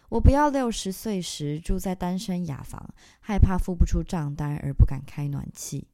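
A woman giving a dramatic reading of a stage text, in short broken phrases and long run-on lists. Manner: intense, halting delivery in short broken phrases; long breathless list, spoken low and soft.

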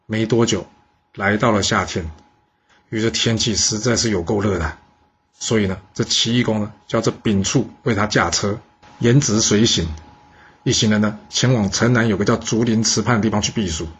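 A man telling a historical tale in a lively, colloquial way. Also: on the low side, breathy edge, lo-fi sound. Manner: lively, colloquial, with many drawn-out particles. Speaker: storyteller. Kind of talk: historical storytelling.

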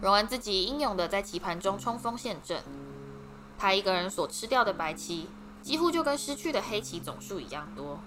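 Female audiobook reader, steady dramatic delivery, mid pitch, music bed. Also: brisk. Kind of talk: storybook narration. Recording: background music.

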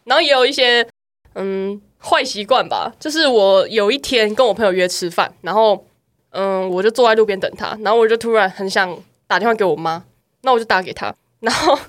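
A woman's voice: medium pitch, brisk. A young woman, a podcast co-host telling candid personal stories in casual chat and laughing often.

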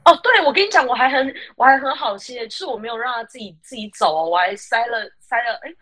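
A woman's voice: a little high, fast. A woman with a Taiwanese Mandarin accent hosting a podcast, telling work stories in casual chat and acting out the people in them. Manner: animated, acts out the voices of customers and friends. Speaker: podcast host.

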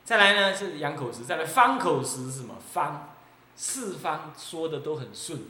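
A male abbot with a Taiwanese accent delivers a Buddhist sermon, teasing and laughing as he goes. His voice sits a little high. The recording is roomy and echoey. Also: moderate pace, a little hiss or hum. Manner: lively, mocking, laughs often.

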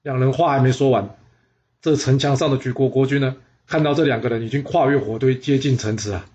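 A man narrating a historical story in a lively, dramatic way. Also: medium pitch, brisk, dull audio.

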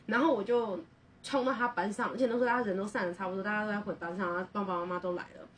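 A woman's voice: mid-range voice, steady tone, racing, distant mic. A young woman, a podcast co-host telling a personal story in an earnest, rambling way full of restarts.

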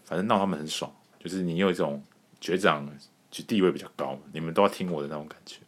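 Deep-voiced, joking Taiwanese man. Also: fast. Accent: Taiwanese Mandarin. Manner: joking and crude, laughing often, stumbling restarts. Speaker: podcast host. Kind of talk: casual podcast chat.

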